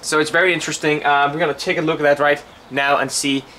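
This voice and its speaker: A man's voice: fairly high pitch, little pitch movement, quick pace, sharp tone, slight background noise. A man from Denmark hosting his own crypto channel, explaining in a casual, earnest monologue with frequent restarts and repeated words.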